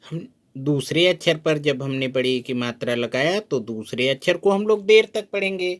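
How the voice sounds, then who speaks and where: A man teaching a spoken lesson, sounding out syllables slowly and drawing them out, asking the learner questions as he goes. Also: fairly high pitch, expressive. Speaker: Hindi teacher. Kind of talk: slow spoken lesson at a board.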